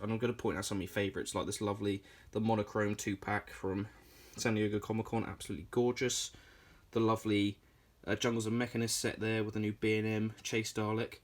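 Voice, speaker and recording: A man's voice: fairly low pitch, fairly even intonation, fairly quick. A British man in his twenties giving an off-the-cuff room tour in casual, enthusiastic, informal vlog chat. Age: 20s. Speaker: collector hosting a room tour.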